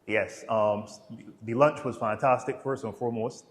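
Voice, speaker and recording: This Bajan-accented man from Barbados, in his thirties, hosts a travel vlog. His mid-range voice stays fairly even at a regular pace as he casually narrates his travels and answers interview questions in laid-back slang.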